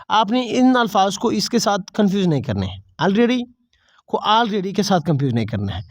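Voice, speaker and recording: A woman whose voice sits on the low side with a darkish tone teaches spelling rules for English, explained step by step in Urdu-flavored Hindi. She restates each point and answers her own questions. Nothing of the room comes through; the sound is dry and close.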